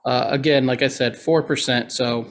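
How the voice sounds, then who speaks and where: A man with a nasal voice co-hosting a casual podcast, relaxed and chatty with lots of fillers. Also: mid-range voice, normal speed, slight background noise. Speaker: podcast co-host.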